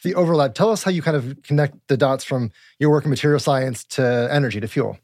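A man's voice: medium pitch, fast, darkish tone, no room sound, clean studio sound. A man hosting a podcast, introducing a guest and asking upbeat interview questions. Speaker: podcast host.

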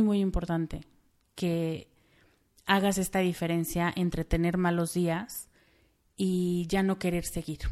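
A woman's voice: fairly low pitch, warm tone. A woman with a Mexican accent hosting a solo podcast, speaking earnestly and directly to the listener. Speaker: podcast host.

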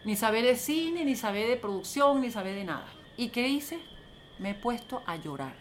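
Animated older Venezuelan woman storyteller. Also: a little high, moderate pace, a little hiss or hum. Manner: lively, acts out quoted voices, talks to the host by name. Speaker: interview guest, film producer.

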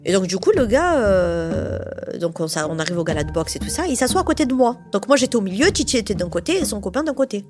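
Fast-talking woman telling a personal story. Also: medium pitch, soft background music. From southern France. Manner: lively, full of fillers, acts out the voices of people in her story. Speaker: storyteller recounting a past relationship.

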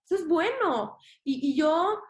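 A young woman with a Mexican accent speaks high and bright, talking casually as a podcast guest. She is expressive and slangy and slips into little voices for her own thoughts. The room around her rings with noticeable echo. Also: measured pace. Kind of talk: casual conversation. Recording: echoey room.

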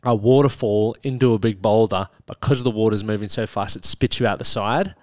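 With a lowish, slightly mellow voice, this Australian podcast co-host in his thirties talks fairly quickly in a dry, studio-quality recording. Speaking in a broad accent, he chats and tells stories with his wife in a laid-back, slangy, joking manner.

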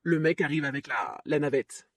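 A woman's voice: deep voice, moderate pace, dry recording. Dry, chatty woman telling a story. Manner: lively, chatty, laughs often, trails off with fillers. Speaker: podcast host. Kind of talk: casual storytelling.

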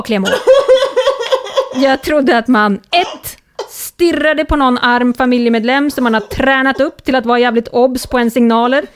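A woman's voice: fairly high pitch, smooth. A woman hosting a casual podcast, reading out listener messages with sarcasm and frequent swearing. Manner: sarcastic, swears freely, laughs often. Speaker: podcast host.

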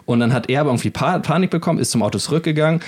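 A man's voice: on the high side, rapid-fire, breathy edge. A man co-hosting a podcast, telling a story in casual, slangy speech and acting out the voices of the people in it. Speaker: podcast co-host.

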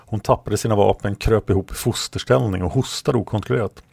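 A man reading his own fantasy novel aloud as an author and podcast narrator, calm and measured. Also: on the low side, vocal fry, husky, no echo. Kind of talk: audiobook narration.

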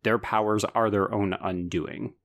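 A man's voice: lowish voice, steady tone, a little slow, fairly bright tone. A man co-hosting a podcast, talking through a story in a casual, enthusiastic and analytical way. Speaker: podcast co-host. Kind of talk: casual book discussion.

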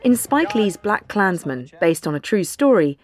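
A woman narrating a scripted news essay with a measured, wry delivery. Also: medium pitch, big pitch swings, darkish tone, soft background music. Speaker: journalist reading an essay.

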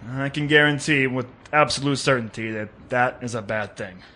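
A man's voice: mid-range voice, moderate pace, bright, forceful tone, close to an everyday voice. An actor playing a weary, wisecracking hard-boiled private detective who narrates his own case. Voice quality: sardonic, weary. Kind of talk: noir detective narration and dialogue.

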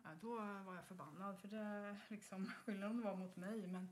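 A woman's voice: medium pitch, a little hiss or hum. A woman co-hosting a podcast, telling a ghost story in casual chat and acting out her own reactions. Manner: lively storytelling with acted-out reactions. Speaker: podcast co-host.

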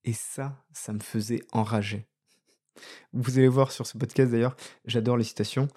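A man's voice: mid-range voice, steady tone, normal speed, warm tone, breathy edge. A man hosting a reflective podcast monologue, talking thoughtfully and directly to his listeners, posing many rhetorical questions. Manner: conversational, addresses listeners directly. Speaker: podcast host.

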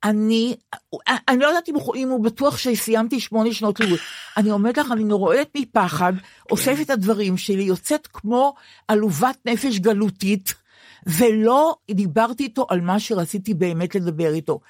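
An older woman co-hosting a podcast, telling self-mocking stories in an animated, casual chat. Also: mid-range voice, no room sound, clean studio sound. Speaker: podcast co-host.

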